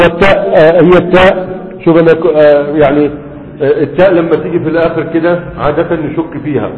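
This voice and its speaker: A man's voice: on the high side, long reverb tail, narrow, tinny audio. A man with an Egyptian Arabic accent teaching a classroom grammar lesson. He keeps quizzing his students and stretches out his fillers.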